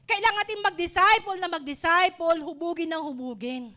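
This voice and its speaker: A middle-aged woman pastor, preaching an animated sermon built on personal stories. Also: very high-pitched, fairly quick.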